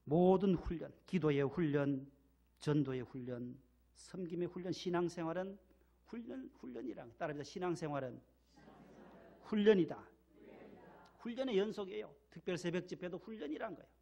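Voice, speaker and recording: With a high-pitched, animated, gravelly yet warm voice at a moderate pace, this man is a pastor from Korea's Gyeongsang region delivering a sermon in a church sanctuary. He stresses key words through repetition, speaks emphatically, and leads call-and-response.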